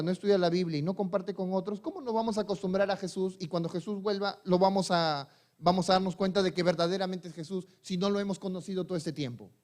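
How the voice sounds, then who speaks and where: A male pastor preaching a sermon. He asks the congregation questions and answers them himself, and moves between soft, slow passages and loud, emphatic ones. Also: high-pitched.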